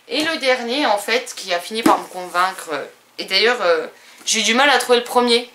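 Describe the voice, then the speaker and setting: Casual French woman vlogger showing her purchases, chatty with lots of fillers, bright tone. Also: medium pitch. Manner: chatty, hesitant with many fillers. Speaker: book and stationery vlogger. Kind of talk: casual haul video chat.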